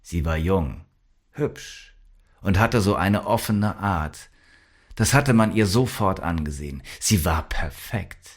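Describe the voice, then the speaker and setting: A man narrates a crime audiobook in a measured, even reading. His voice sits very low, and he takes his time with each sentence.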